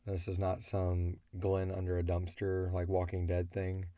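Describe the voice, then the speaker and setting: Low, monotone and unhurried but warm, the co-host's voice comes across on a dry recording. He's the creator of an audio drama, casually rambling as he answers questions sent in by listeners.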